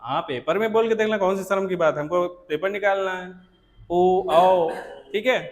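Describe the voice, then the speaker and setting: A male teacher lectures a class in a high voice, saying each sound aloud to demonstrate it and stopping often to ask if everyone is following. His voice carries a long reverb off the hard walls of the classroom. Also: normal speed.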